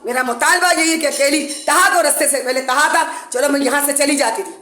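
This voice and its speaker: Woman, high voice, urgent accusing appeal, echoey room at home. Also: brisk, pushed and bright. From Pakistan. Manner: urgent, accusing, repetitive pleading. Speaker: mother making a public appeal. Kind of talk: impassioned complaint to camera. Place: her home, indoors.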